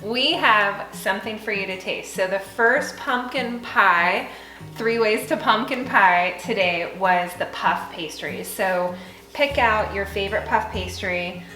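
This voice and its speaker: A bubbly, chatty woman hosts a cooking demonstration in a kitchen. Her voice rings in an echoey room, and loud music plays underneath. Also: medium pitch, takes it slowly. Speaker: cooking show host.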